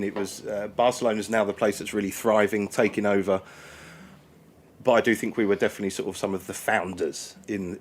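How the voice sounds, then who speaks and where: A man from England chats as a guest on a radio interview, friendly and a little halting. His voice sits on the low side. A faint noise hums behind him. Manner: relaxed, friendly, halting with fillers. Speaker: brewery guest.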